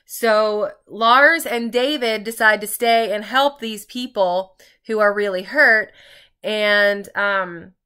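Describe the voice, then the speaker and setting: A woman with a bright, clean voice at a medium pitch retells a story in a casual vlog style. She talks informally and loosely, doubling back to fill in details as she goes. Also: slow, clear, resonant tone. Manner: informal, rambling, backtracking. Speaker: book reviewer vlogger. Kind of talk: casual chatty story recap while getting ready.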